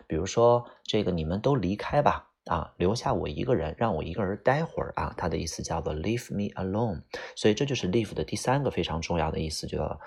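A man's voice: sits low, lively intonation, a little fast, gravelly, few pauses, a little mellow, slightly rough. A man teaching English vocabulary in Chinese, explaining each word patiently with example sentences and frequent filler particles. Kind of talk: vocabulary lesson.

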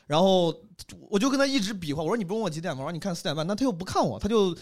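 A man's voice: high voice, racing. A young man from Henan, a stand-up comedian, telling a story in a casual chat and laughing as he goes. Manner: animated, laughs while telling stories.

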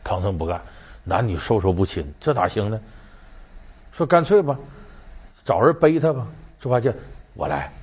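A man's voice: fairly low pitch, lively intonation, normal speed, long pauses, husky. A man hosting a storytelling commentary, chatty and rhetorical, acting out the characters. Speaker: host. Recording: dull sound with faint music.

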